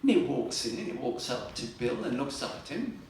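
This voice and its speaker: An older man tells stand-up jokes in a dry, unhurried way, full of small pauses. His voice has a gravelly edge. He sounds distant and echoey in a big room, with steady noise behind him. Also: mid-range voice. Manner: dry joke-telling with pauses and fillers. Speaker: stand-up comedian. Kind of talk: stand-up comedy at a live event. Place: library fundraiser event room. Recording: echoey room from far off, noisy.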